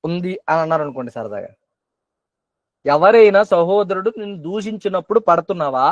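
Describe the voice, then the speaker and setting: Over a muffled video call with no echo, a high-voiced man preaches at an online prayer meeting. He keeps posing questions and repeats phrases for emphasis.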